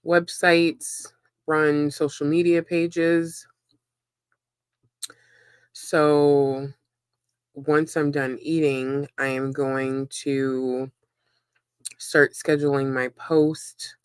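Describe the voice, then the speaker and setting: Slow, smooth-voiced woman chatting on a live stream. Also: low-pitched, no room sound. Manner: chatty and rambling, many ums and likes. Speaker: livestreamer and web content creator. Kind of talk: casual live-stream chat while eating.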